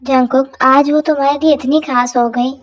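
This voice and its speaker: A calm mother in a fan dub drama, middle-aged and gently reproving her son, as a woman plays her. Her voice is high and even. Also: moderate pace, natural voice.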